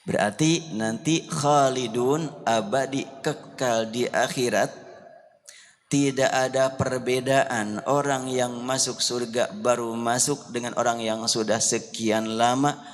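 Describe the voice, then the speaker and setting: A man's voice: medium pitch, slow. A male preacher giving a sermon in a large mosque hall, telling stories and asking rhetorical questions. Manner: lively storytelling with rhetorical questions. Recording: long hall reverb, faint hiss.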